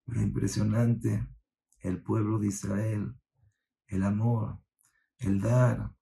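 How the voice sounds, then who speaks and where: A rabbi telling a story in a sermon, acting out the voices of its figures and mixing in Hebrew religious terms. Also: male voice, on the low side, level tone, takes it slowly, vocal fry, mellow.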